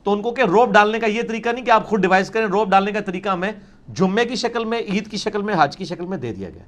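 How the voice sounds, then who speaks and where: Male scholar, high-pitched, emphatic explanatory lecture delivery. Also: lively intonation, fairly bright tone. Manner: emphatic, explanatory, with many English terms. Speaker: religious scholar answering questions. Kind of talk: lecture-style Q&A answers.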